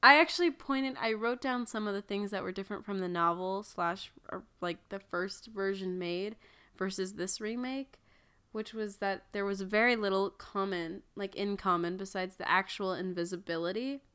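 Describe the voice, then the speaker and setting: Stuffed-up woman with a bright, smooth voice. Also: medium pitch, fairly even intonation. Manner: sarcastic, laughing, quick comebacks. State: stuffed up from a cold. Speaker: podcast co-host. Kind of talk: casual movie-review chat. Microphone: podcast microphone.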